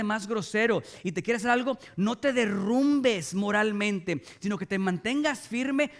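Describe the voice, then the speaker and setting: A man's voice: high-pitched, a bit bright. A middle-aged man, preaching a sermon as a pastor and often asking the congregation rhetorical questions.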